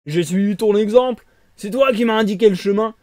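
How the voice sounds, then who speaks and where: A man voicing a big, sturdy, kind-hearted tuna in a loud, hearty voice. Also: high-pitched, fairly quick, no room sound, studio quality, voice pushed up, close to an everyday voice. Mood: fort, généreux. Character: gros thon robuste et bienveillant.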